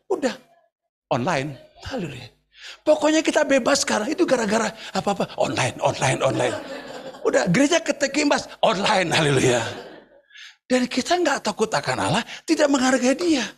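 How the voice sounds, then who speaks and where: A man preaching a sermon to an online congregation in an animated, joking way, often asking the listeners whether they agree. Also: high-pitched, husky. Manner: animated and joking, asks the congregation "betul nggak?". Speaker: pastor. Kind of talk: sermon at an online church service.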